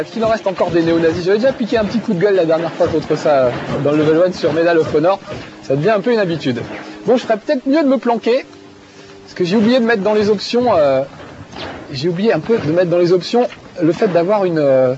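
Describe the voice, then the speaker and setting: A man's voice: high voice, darkish tone, a little hiss or hum. A male TV video game show host who chats enthusiastically and laughs often while playing a game, with many fillers. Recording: dull TV broadcast audio with faint music.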